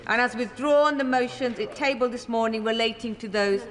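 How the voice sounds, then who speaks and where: A British woman with a formal, authoritative manner, presiding over parliament and announcing procedure in measured phrases. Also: on the high side. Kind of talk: formal parliamentary procedure, calling votes and business. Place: large parliamentary debating chamber. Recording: echoey chamber, long reverb, background noise.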